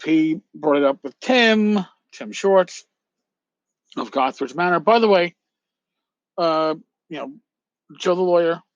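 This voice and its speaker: A man's voice: mid-range voice, no echo, highs cut off. A man hosting a casual solo podcast, musing and rambling as he repeats phrases for emphasis. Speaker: podcast host.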